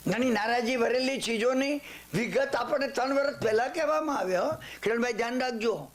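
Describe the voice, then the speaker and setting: Older preacher, very high voice, emphatic and questioning, faint tape hiss. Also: male voice, fairly quick. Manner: emphatic, swings between low and high exclamations, asks the audience questions. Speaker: Jain religious speaker. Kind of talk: sermon.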